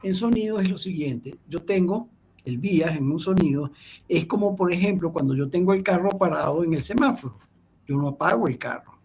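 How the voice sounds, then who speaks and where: A middle-aged man lectures an online class in a gravelly, husky voice. He sits a little high for a man and rambles, restarting phrases and checking in with his listeners. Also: moderate pace, a little mellow.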